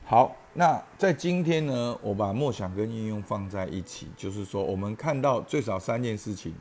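A man's voice: fairly low pitch, lively intonation, normal speed, darkish tone. A man, a pastor, giving a daily devotional sermon, earnest, asking his listeners direct questions and swelling into impassioned emphasis, then leading a prayer.

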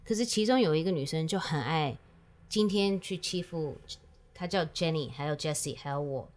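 Low-voiced woman mixing English into Mandarin. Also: normal speed, darkish tone. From United States. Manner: storytelling, mixes English words into Mandarin. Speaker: guest. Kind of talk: casual chat.

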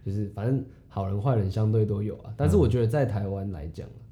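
Fast-talking Taiwanese man with a dark voice. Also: lowish voice, dull audio. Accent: Taiwanese Mandarin. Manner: rambling, animated storyteller. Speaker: podcast host. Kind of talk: casual storytelling chat.

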